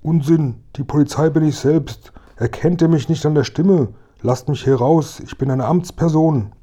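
A high, huffy police sergeant calls out pompously for help, voiced by a man reading a children's storybook. The voice stays mellow and a little husky. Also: normal speed, close to an everyday voice. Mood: indignant. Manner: shouting for help, indignant and officious. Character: police sergeant locked in a shed, pleading.

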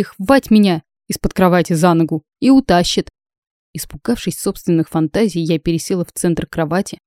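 A woman reading a first-person audiobook in an even storytelling manner. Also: lowish voice, dry recording, studio quality. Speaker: audiobook reader.

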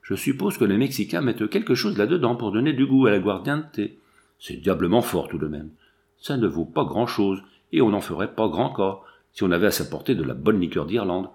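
A man's voice: lowish voice, animated, a little fast, creaky, a little mellow. A man doing a boisterous Irish hunter. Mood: boastful. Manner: blustering, swearing oaths.

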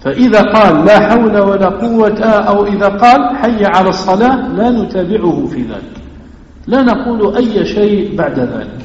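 A man's voice: high-pitched, darkish tone. A man giving a religious lesson in a mosque, explaining step by step and asking questions that he then answers himself. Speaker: religious teacher. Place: mosque prayer hall. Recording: echoey mosque hall, dull lo-fi sound.

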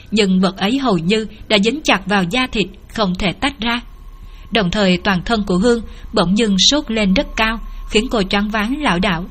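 Woman reading a dramatic story. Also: mid-range voice. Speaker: narrator. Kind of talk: audiobook storytelling.

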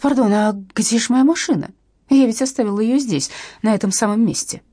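A woman voicing an irritable, sharp-tongued woman who snaps indignantly, in an audiobook. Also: fairly high pitch, fairly quick, husky, no echo, clean studio sound, pitched above the performer's own voice. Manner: snappy, indignant.

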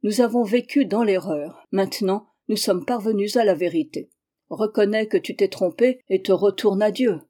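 A woman's voice: medium pitch, moderate pace, mellow, natural voice. A woman reading the lines of a vain male theology doctor who lectures in a doctoral tone. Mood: scolding.

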